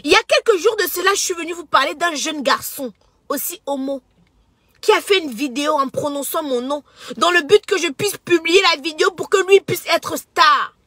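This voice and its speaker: A woman's voice: sits high, normal speed, fairly bright tone, dry recording, studio quality. A woman with a Cameroonian French accent, a social media entrepreneur, talking passionately to her followers and often stumbling over repeated words. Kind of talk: emotional direct-to-camera social media monologue.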